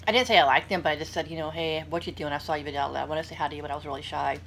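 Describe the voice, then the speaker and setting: Speaking very fast in a low, steady voice with a fairly bright tone, this young woman rambles through anecdotes while eating for her mukbang audience. She makes self-deprecating asides, and room noise is clearly heard behind her.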